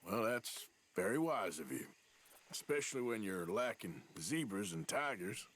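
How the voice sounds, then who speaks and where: A gruff American outlaw from a Western video game. His pitch swings widely under a dry, deadpan sarcasm, and there is faint noise behind him. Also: normal speed. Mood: sardonic. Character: gruff, sardonic American Old West outlaw man.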